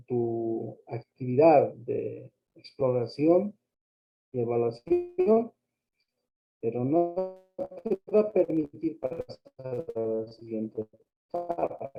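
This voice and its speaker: A man lecturing on accounting over a choppy, crackly microphone line, hesitant and full of fillers and tag questions. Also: medium pitch. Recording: dull lo-fi sound, faint music behind.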